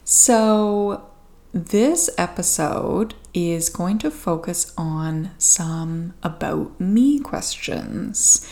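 A young Canadian woman hosts a casual solo podcast. Her voice is a little low for a woman, with plenty of vocal fry, and she takes her time. She rambles informally and pokes fun at herself. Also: expressive, extremely slow, warm tone. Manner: rambling, informal, self-deprecating. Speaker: podcast host. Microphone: podcast microphone with pop filter.

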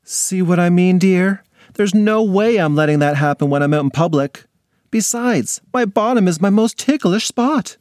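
A man pitches his voice above his natural one to play a fussy, dramatic mother who speaks in a theatrical, exasperated way. The voice sits high with lively intonation, a darkish tone and a moderate pace, recorded at studio quality with no room sound.

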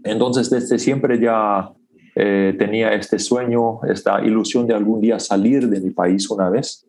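A man from Paraguay speaks as an interview guest, his voice on the low side. His is Plautdietsch, and he talks in a thoughtful, measured way, stopping often to gather his words. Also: steady tone, a little mellow. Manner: thoughtful and measured, with frequent "eh" pauses. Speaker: guest, academic. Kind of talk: conversational interview.

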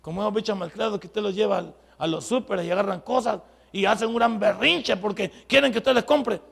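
A male pastor, preaching a folksy, emphatic sermon that bursts into loud exclamations. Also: high-pitched, fairly quick, creaky, slightly rough. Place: church. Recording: long hall reverb.

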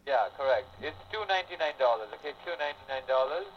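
A man's voice: mid-range voice, animated, quick pace, slight background noise. Man talking over a muffled phone line. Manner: ends phrases with a repeated "okay?". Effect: heard over the phone. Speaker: caller posing as tech support. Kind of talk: phone sales pitch.

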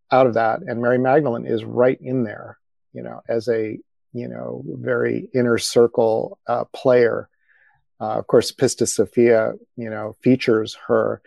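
Gravelly man speaking on a panel. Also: medium pitch, dark tone, no echo. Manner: hesitant, many fillers. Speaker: panel guest author. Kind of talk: panel discussion.

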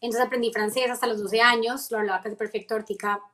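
A young singer talks through an interview in a lively, chatty way. Her voice sits a little high for a woman, and she slips English phrases into her Spanish with quick restarts. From Colombia. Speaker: singer-songwriter guest. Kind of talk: casual interview.

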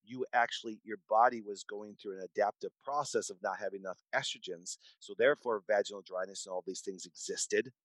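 A man in his forties tells stories from his medical practice in an interview. His voice sits fairly low and sounds dry and close, with no room around it. He talks emphatically, repeating words and restarting sentences as he goes. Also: a little fast, few pauses, fairly bright tone, no echo, rough recording. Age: 40s. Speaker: podcast guest, doctor. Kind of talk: conversational interview storytelling.

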